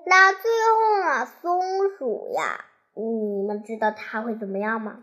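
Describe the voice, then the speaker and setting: A child storyteller reading a children's tale in a slow, halting way, with restarts. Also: mid-range voice, animated, pushed and bright.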